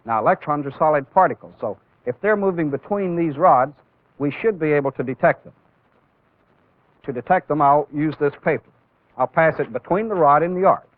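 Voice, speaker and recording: An animated man with a voice on the high side serves as instructor in an old training film. He explains the demonstration deliberately, one step at a time, punching key words. The sound is phone-quality.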